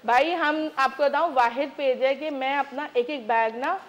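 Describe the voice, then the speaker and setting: A woman's voice: high voice, a little slow. A woman guest on a TV talk show who sells preloved bags, talking casually and emphatically. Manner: chatty, emphatic, mixes English words. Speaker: guest, preloved bag seller. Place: TV studio.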